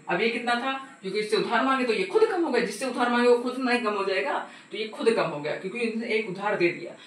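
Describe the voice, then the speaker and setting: Through a distant mic in an echoey room, with a little hiss or hum, a man with a high, sharp voice walks through math step by step in a casual way. As a patient, repetitive tutor, he asks the viewer questions and repeats "ठीक है" again and again.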